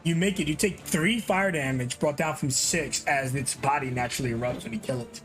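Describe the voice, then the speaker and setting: A man narrating as game master of a tabletop game, lively and quick with asides. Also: medium pitch, over music.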